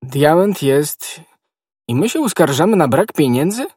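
A man's voice: on the high side, sing-song, unhurried, a little mellow, husky, no echo, clean studio sound, pitched above the performer's own voice, full character voice. A man reading as an eager, naive musketeer. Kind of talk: audiobook character reading.

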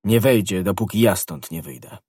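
A man's voice: lowish voice, normal speed, creaky, darkish tone, breathy edge, dry recording, studio quality. A man doing an ardent young guardsman. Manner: ardent, impulsive. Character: bold, hot-headed young male guardsman.

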